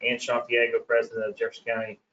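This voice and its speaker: Brisk male meeting chair, heard distant in a dull, echoey chamber. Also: medium pitch, completely flat delivery, fairly bright tone, a little hiss or hum. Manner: brisk, procedural. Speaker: commission president chairing meeting. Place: county meeting room.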